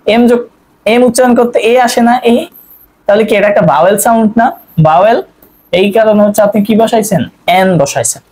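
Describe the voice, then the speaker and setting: A young man from Bangladesh teaching an online grammar lesson as an English tutor. He keeps asking quick questions and answering them himself, repeating each rule to drill it in. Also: high voice, darkish tone, low-quality recording.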